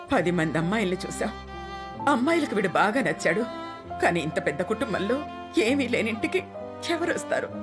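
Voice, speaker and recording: A woman's voice: medium pitch, lightly acted. An actress dubbing a weary mother of four in her fifties, confessing her failings through tears. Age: 50s. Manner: tearful, confessional storytelling. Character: weary, guilt-ridden mother of four, about fifty. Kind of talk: dubbed film dialogue.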